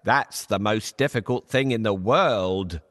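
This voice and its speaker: A man voicing a cunning, bold male cat in a bedtime storybook, talking smoothly and persuasively. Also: lowish voice, measured pace, a bit bright. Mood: scheming, flattering.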